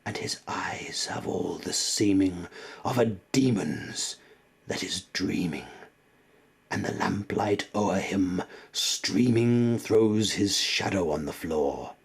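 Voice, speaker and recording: A man reading Gothic poetry as a dramatic recitation, brooding and theatrical, with deliberate pauses. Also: low-pitched, lively intonation, creaky, husky. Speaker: poetry reader.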